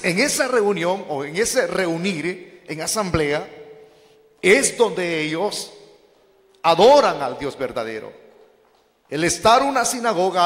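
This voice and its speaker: A man's voice: high-pitched, a bit bright, big-room sound. A man preaching a teaching sermon, calling his listeners brothers and posing questions he then answers himself.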